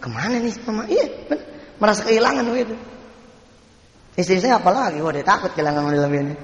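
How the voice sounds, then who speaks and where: A male preacher telling a story in a lively, colloquial sermon to a congregation. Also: fast talker, lo-fi sound, a little hiss or hum. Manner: animated, colloquial, swooping pitch. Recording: echoey live hall recording.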